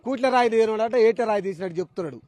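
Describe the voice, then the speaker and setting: A man's voice: high voice, rapid-fire, a little mellow, no room sound, lo-fi sound. A man with a Telangana Telugu accent, speaking in a news interview in a heated, rhetorical way with repeated phrases.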